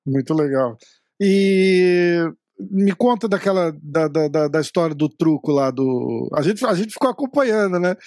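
A man's voice: high voice, expressive, a little slow, darkish tone, no room sound, clean studio sound. A man from Brazil hosting a podcast, asking rambling questions full of restarts. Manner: hesitant, many restarts and fillers. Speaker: podcast host. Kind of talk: casual interview chat.

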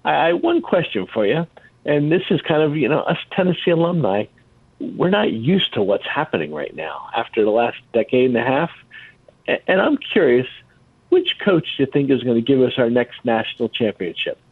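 A man's voice: medium pitch, vocal fry, husky, no room sound. A man from the United States chatting casually as a caller to a radio call-in show over the phone. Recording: tinny, dry phone line.

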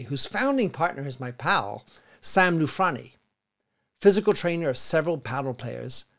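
A man hosting a podcast, presenting and interviewing in a chatty way that speaks directly to listeners and guest. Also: fairly high pitch. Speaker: podcast host.

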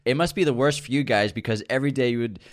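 A man's voice: mid-range voice, rapid-fire. A man co-hosting a comedy show, chatting casually and reading out listener roasts in a teasing, jokey way that often breaks into laughter.

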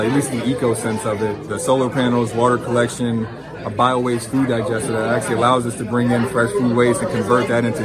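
A man earnestly explaining a community project to viewers, with many fillers. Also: medium pitch. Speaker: project organizer. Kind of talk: casual pitch to viewers. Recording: loud crowd behind.

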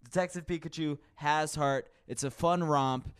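A man's voice: a little high, moderate pace, clean tone, dry recording, clean studio sound. A man co-hosting a comedy podcast, chatting casually with emphatic, profane joking.

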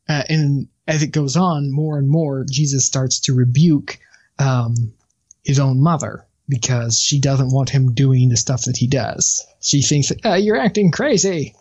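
A man with a husky, mellow voice co-hosting a podcast, steering the conversation with leading questions. The sound is a little dull and lo-fi. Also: medium pitch, fairly even intonation, unhurried. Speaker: podcast co-host. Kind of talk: casual chat.

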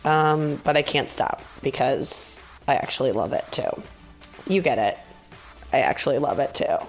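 Female podcast host, low register, vocal fry, weary, candid and self-deprecating, casual rambling delivery. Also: normal speed, faint music behind, rough recording. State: tired from travel and talking. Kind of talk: casual solo podcast monologue. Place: bedroom in a condo, sitting in bed.

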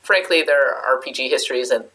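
A woman's voice: very deep voice, fairly quick, sharp tone. A woman hosting a podcast in a casual, chatty, conversational way. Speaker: podcast host.

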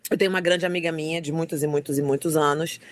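A woman's voice: low voice, fairly even intonation, rapid-fire. A woman telling an emotional story in casual chat.

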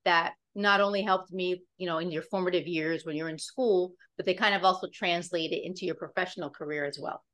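A woman's voice: on the low side, steady tone, a little fast, few pauses, a bit bright. A woman from Pennsylvania, a journalist speaking as a podcast guest, confident and upbeat as she talks about herself. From Pennsylvania, USA. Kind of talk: casual podcast interview.

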